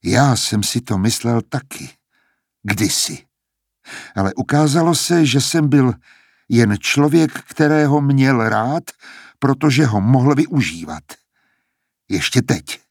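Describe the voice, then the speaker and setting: A man voicing a stern, bitter older male academy dean in an audiobook, speaking in a cold, measured, mocking way. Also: mid-range voice, expressive, no echo, studio quality.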